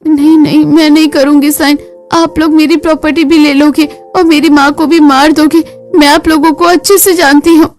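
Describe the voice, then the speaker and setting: A woman voicing a gentle, mistreated young daughter-in-law in an animated family drama, pleading and emotional. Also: high-pitched, moderate pace, faint music behind, close to an everyday voice. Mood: defiant.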